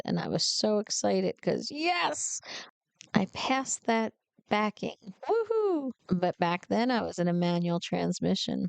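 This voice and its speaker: Woman from New Jersey, truck driver, lower-pitched, gravelly and smooth, lively personal storyteller. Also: no room sound. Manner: animated, emotional storytelling.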